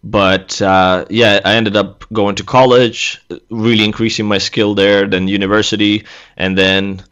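A man in his thirties from Latvia, a guest artist chatting casually in an interview, relaxed and laughing easily. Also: on the low side, measured pace, clean tone, dull audio. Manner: relaxed, laughs easily, speaks in loose restarts. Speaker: guest, senior environment artist.

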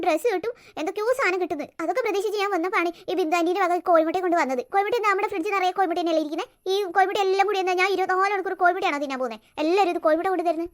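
A woman voicing a sulky, greedy young teenage girl in a cartoon, complaining in an indignant, whiny way. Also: very high voice. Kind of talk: cartoon voice acting.

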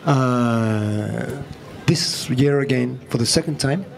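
Halting English-speaking male moderator. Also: mid-range voice, creaky. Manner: halting, repeats words, non-native phrasing. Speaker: host, moderator. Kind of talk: event introduction and questions. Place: outdoor terrace before a small audience.

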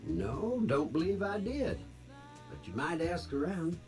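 A man's voice: a little high, wildly swooping pitch, unhurried. A man voicing a friendly cowboy robot in a video game, with a Western US cowboy drawl and folksy, easygoing sayings. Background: game music.

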